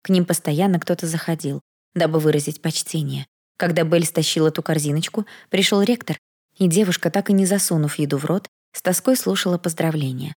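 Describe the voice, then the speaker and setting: A woman reads a novel aloud in an even, storytelling manner. Her voice sits low for a woman, and the narration is steady and scripted. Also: fairly quick, breathy edge. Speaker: audiobook narrator.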